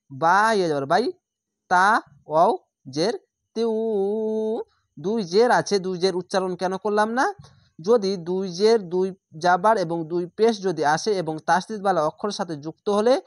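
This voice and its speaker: A Quran reading teacher with a somewhat low voice gives a slow recitation lesson, spelling out every letter and vowel mark before blending each word back together patiently. The recording is close and dry, without any room sound.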